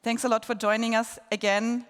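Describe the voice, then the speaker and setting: A woman's voice: a little high, little pitch movement, fairly quick. Woman championing solar in a reverberant hall. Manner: enthusiastic advocacy, repeats words for emphasis. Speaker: head of a solar industry association, introducing the speaker. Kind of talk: conference speech. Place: large conference hall.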